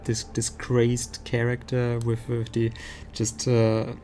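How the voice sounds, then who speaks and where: A man giving casual gameplay commentary as a streamer, halting as he thinks aloud. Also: mid-range voice, completely flat delivery, dark tone, a little hiss or hum. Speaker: game streamer. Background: game music.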